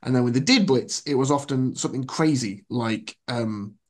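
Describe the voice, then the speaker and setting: Man, podcast host, laid-back, dry humor, medium pitch. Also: moderate pace. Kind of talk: casual sports chat.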